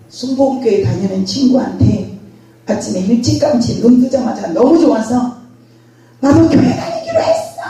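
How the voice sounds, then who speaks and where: Animated older woman preacher, echoey church. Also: mid-range voice. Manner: animated storytelling, acts out scenes. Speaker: pastor. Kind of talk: sermon. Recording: very echoey hall, distant mic.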